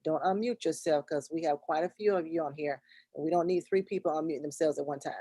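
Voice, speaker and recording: A woman's voice: deep voice, fast talker, mellow, dry recording. A woman hosting a children's class on a video call, informal and instructive, repeating her directions. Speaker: host of a virtual children's class.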